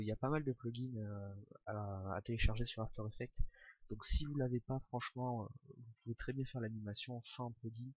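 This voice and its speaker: Hesitant young man explaining software. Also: on the low side, dry recording. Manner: hesitant, many "euh" fillers, relaxed and informal. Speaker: tutorial maker. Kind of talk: casual screen-recorded software tutorial.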